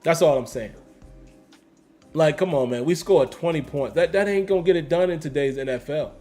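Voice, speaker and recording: Brief: male stream host, casual sports talk, emphatic and repetitive, slightly higher voice, faint music bed. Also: normal speed, warm tone. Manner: emphatic, repeats phrases, slangy. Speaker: host reading live chat. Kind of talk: casual livestream commentary.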